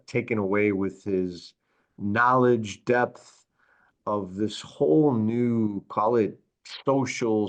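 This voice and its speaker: A man's voice: on the low side, fairly bright tone. A man hosting a podcast, enthusiastic and casual, with many fillers and repeated words. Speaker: podcast host.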